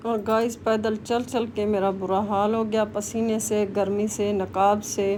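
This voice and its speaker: A woman's voice: mid-range voice, level tone, unhurried. A woman vlogger narrating her outing in a voice-over, talking directly to her viewers. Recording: loud noise behind voice-over.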